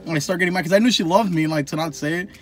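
A man's voice: high-pitched, rapid-fire, soft background music. A young man chatting casually on a couples vlog, telling a story in a rambling way with lots of fillers. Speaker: vlogger. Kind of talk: casual chat.

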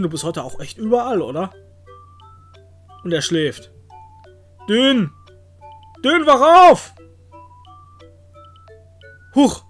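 A man hosting a let's play, joking with the game characters and letting out silly exclamations. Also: high-pitched. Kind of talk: playful gameplay commentary.

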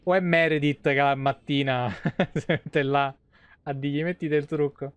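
A man's voice: fairly high pitch, fairly even intonation, normal speed, clear, resonant tone, no echo. A man giving colloquial, rambling game commentary into a close microphone. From Italy. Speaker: live game streamer. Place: small indoor streaming room. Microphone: close desk microphone.

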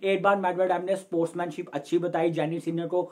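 Fast-talking and level in tone, this young man's voice sits high as he hosts his own sports channel from a room at home. He gives friendly, casual match analysis directly to camera, calls his audience friends and uses hand gestures to explain.

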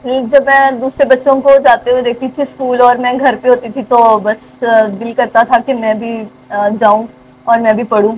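A woman's voice: fairly high pitch, flat delivery, moderate pace, rough recording. A young woman with a Pakistani accent, answering interview questions through a face mask. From rural southern Punjab, Pakistan. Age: young adult. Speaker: university student being interviewed. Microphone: speaking through a cloth face mask. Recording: faint ambient background noise.

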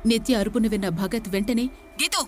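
A woman narrating a horror story in a measured, suspenseful way. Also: fairly high pitch, a little mellow, soft background music.

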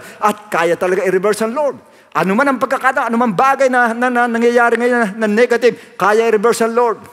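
A man's voice: high-pitched, fairly bright tone. A man preaching a sermon as pastor, emphatic and repetitive, slipping English phrases into his talk. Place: church hall. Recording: long hall reverb.

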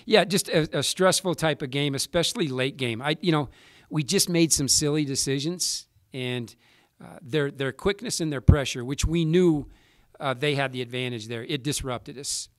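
A man in his forties, a basketball coach answering reporters after a game at a table mic, measured and halting with many restarts. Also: a little high, no echo, studio quality. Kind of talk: post-game press conference answers. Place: press room with sponsor backdrop. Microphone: table mic in front.

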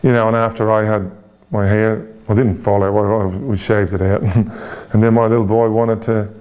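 An Irish man in his forties speaks as an interview guest, candid and reflective, often pausing with fillers and restarting his sentences. His voice is fairly low and a little mellow, and his tone stays level.

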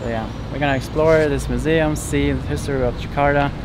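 A man's voice: fairly high pitch, steady tone, fairly quick, noisy background. A man vlogging his travels in a casual, enthusiastic way, talking through a face mask. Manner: chatty, plainly enthusiastic.

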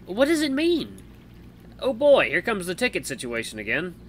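A man's voice: high voice, wildly swooping pitch, normal speed, fairly bright tone, a little hiss or hum, voice pushed up, full character voice. A man voicing a teasing, wry female beast-folk villager as he reads a visual novel aloud, with a dry, mocking way of talking.

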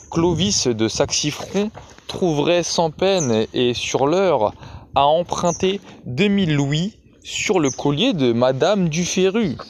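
Man narrating a classic novel slowly. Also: on the high side, slight background noise. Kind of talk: literary audiobook narration.

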